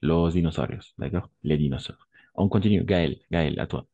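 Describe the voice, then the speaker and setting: A man's voice: low voice, moderate pace, gravelly, dark tone, husky, no echo, dull audio. A man teaching French in an online lesson, patiently repeating words and correcting pronunciation.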